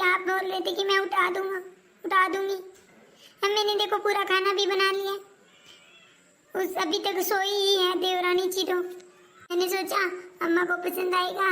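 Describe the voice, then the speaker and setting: A very high-voiced woman grumbles and nags as a worn-out elder daughter-in-law in a homemade family skit. Her pitch barely moves, so the complaining comes out flat and steady. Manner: complaining, aggrieved, nagging. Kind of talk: scripted family skit acting.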